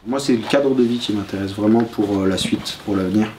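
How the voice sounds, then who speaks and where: A young man from the Paris region, a ski instructor trainee, speaking calmly in a documentary interview. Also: on the low side, a little fast, background noise.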